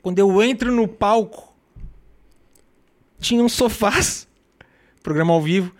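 A man's voice: high-pitched, slow pace. A man with a Brazilian Portuguese accent, a guest telling casual stories full of street slang. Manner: animated storyteller with street slang. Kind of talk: casual storytelling interview.

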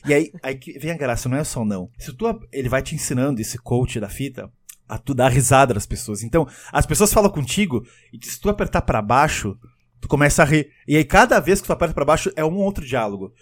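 A man's voice: medium pitch, fast. A man chatting casually and animatedly about a video game, often laughing and acting out what people say. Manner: animated, laughing, acts out quotes.

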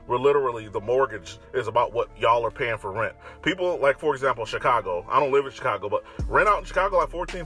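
An online commentator, a man with an American accent and a slight lisp, delivers a casual, opinionated rant that is blunt, profane and conversational. His voice is medium in pitch and a bit bright.

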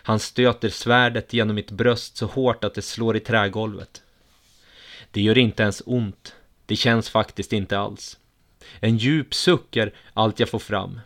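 A man reading a first-person story aloud in a steady, measured way. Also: on the low side.

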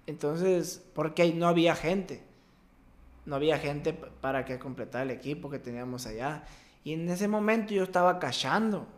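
A young man from Mexico, his voice sitting a little high for a man, talks through a personal memory in a halting, emotional way, breaking off and starting over. He sounds like a podcast guest sharing his story in a casual interview. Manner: emotional, halting retelling with many restarts. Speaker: guest, baseball player.

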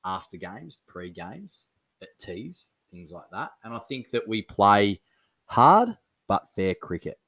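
A fairly low-pitched Australian podcast co-host speaks slowly as he tells animated stories in casual conversation, laughing a great deal. There's no room sound.

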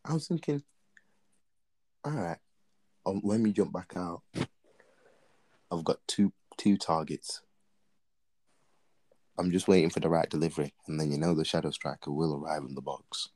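Very deep-voiced young Londoner, halting delivery. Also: male voice, a little mellow, no echo. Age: young adult. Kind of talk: casual banter chat.

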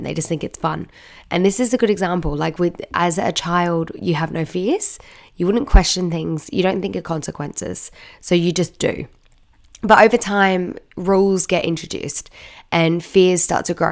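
Female solo podcaster, casual and chatty, lowish register, croaky and hoarse with sickness. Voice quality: croaky, hoarse frog voice from a bad cold and cough. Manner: chatty, informal, many "like" asides. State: sick with a croupy cough. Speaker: podcast host.

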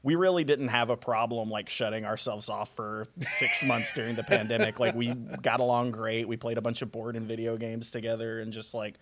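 A man's voice: mid-range voice, steady tone, fairly quick, hardly any pauses, background noise. An American man talking casually as a podcast guest, telling stories in an informal way. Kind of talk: casual conversational storytelling.

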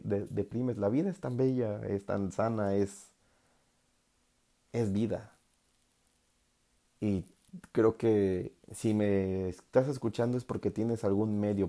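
A young man with a Mexican accent speaks in a low, mellow voice. He talks casually and jokes a lot, laughing between lines and mimicking others. Then he turns earnest and encouraging. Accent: Mexican Spanish. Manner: joking, laughing, mocks others in put-on high voices. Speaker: scout talking to an audience. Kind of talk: casual monologue.

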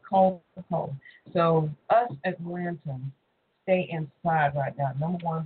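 A woman's voice: sits low, slightly rough. A woman from the United States chatting casually and exclamatorily as a solo podcast host. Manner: chatty, exclamatory, self-answering. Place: home office. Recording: tinny phone line, faint noise.

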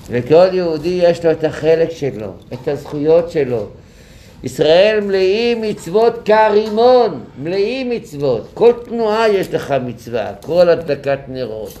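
A man's voice: on the high side, mellow, a little hiss or hum. A man giving a sermon at a memorial gathering, telling a story and rising emphatically into rhetorical questions. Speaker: rabbi giving a talk.

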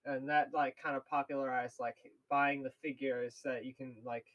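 A man's voice: medium pitch, little pitch movement, moderate pace, a bit bright, lo-fi sound. A young man co-hosting a casual podcast chat, rambling with lots of fillers and laughs. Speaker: podcast co-host.

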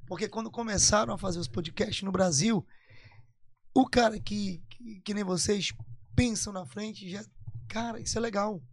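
A man's voice: sits high, normal speed, a little hiss or hum. A man from Parintins, telling his story as a guest musician in a casual, emphatic way, repeating phrases for weight. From Parintins, Amazonas, Brazil.

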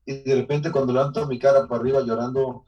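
A man's voice: mid-range voice, flat delivery, fast, dark tone, distant mic, dull audio. A man from Mexico with a Mexican accent, telling his life story in an interview in an earnest, emotional way, sometimes restarting his sentences. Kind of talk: personal life testimony.

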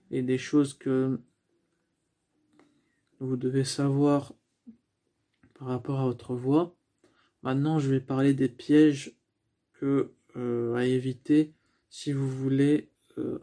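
Flat-voiced man giving voice lessons. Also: medium pitch. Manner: explanatory, with frequent restarts and fillers. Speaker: speaking coach. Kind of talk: instructional talk on voice.

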